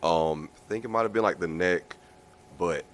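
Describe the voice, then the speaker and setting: A man's voice: low-pitched, moderate pace. A man co-hosting a podcast in casual, slangy chat, telling stories loosely. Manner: animated, slangy, loose storytelling. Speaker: podcast co-host.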